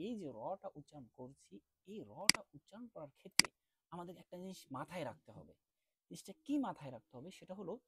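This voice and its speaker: A man teaching an online class, explaining letter sounds step by step and drawing each sound out slowly, then asking questions and answering them himself. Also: high-pitched, fairly bright tone, breathy edge, dry recording. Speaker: Quran recitation teacher.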